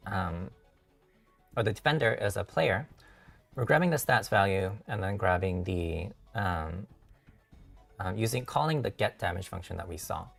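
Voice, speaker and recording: A man who is a software engineer, hosting a tutorial stream and explaining code step by step, halting with many fillers and self-corrections, his voice a little worn. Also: fairly low pitch, vocal fry, recorded from a distance. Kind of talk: live-coding tutorial walkthrough.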